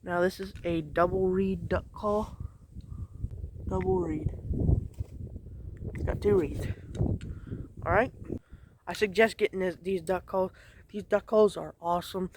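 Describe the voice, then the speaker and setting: A young man with a high-pitched voice hosts an informal tutorial. He speaks casually and directly to his viewers as if to a group of friends. The amateur recording has clear background noise. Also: steady tone, a little slow, long pauses. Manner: informal, addresses viewers as guys. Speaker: tutorial host. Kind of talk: casual how-to lesson.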